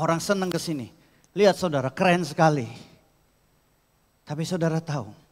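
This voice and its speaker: A man preaching a sermon as pastor, moving from quiet teaching to loud, impassioned prayer. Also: fairly high pitch. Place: church hall. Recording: long church reverb.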